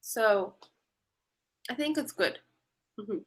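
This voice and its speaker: This young woman, in her twenties and South African-accented, tutors English in a casual video-call conversation, explaining with patience. Her slow, expressive delivery sits on the high side and is a bit bright.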